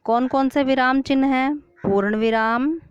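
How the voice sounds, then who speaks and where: A woman's voice: high voice, no echo. A woman teaching a Hindi grammar lesson to children, asking questions and then answering them herself. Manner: slow, clear classroom explanation. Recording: dull lo-fi sound.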